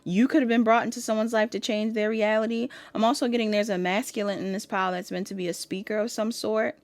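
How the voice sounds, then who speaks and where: A woman's voice: mid-range voice, steady tone, quick pace, dry recording. A woman giving a casual pick-a-card tarot reading, chatting to viewers and reading guidebook text aloud. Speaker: tarot reader.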